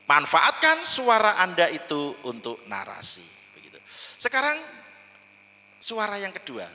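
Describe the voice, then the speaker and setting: A man teaching a storytelling workshop, playful and demonstrative with his class. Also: a little high. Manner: lively, demonstrative, playful with the audience. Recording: long hall reverb.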